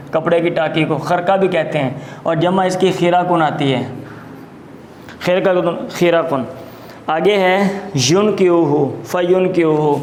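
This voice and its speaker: A male teacher lectures a class and goes through terms one at a time. His voice sits a little high, and he repeats each word slowly. The room is echoey, with a faint hum underneath. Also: darkish tone. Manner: explains words slowly, repeating terms, mixes in Punjabi asides. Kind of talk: classroom lecture explaining vocabulary.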